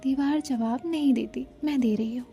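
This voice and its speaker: Woman reading the story as a quiet dry young woman, short answers, high and mellow voice. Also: normal speed, faint music behind. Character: calm reserved young woman, dry and curt.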